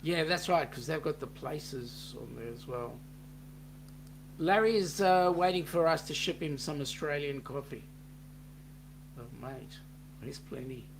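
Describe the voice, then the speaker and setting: A gravelly, slightly raised male voice with a New Zealand accent, talking at an unhurried pace. He co-hosts a casual livestream chat and reads out viewer comments, filling gaps with ums. A faint hum sits behind him. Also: on the high side. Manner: relaxed, reads out chat messages with filler ums.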